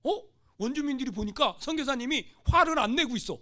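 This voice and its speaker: Man, pastor, sermon, lively swinging pitch, storytelling, questions to the congregation. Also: a little fast. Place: church sanctuary.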